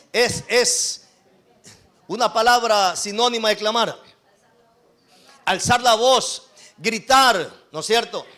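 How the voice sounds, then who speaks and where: A man preaching an evangelical sermon to his congregation in Ecuadorian Spanish, swinging between loud calls and quiet asides. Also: high voice. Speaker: apostle preaching to his church.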